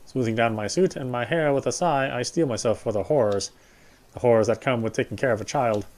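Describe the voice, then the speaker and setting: With some background noise and soft music behind him, a man reads out a game character's story narration a little fast. His pitch is medium, and he stumbles and rereads at times.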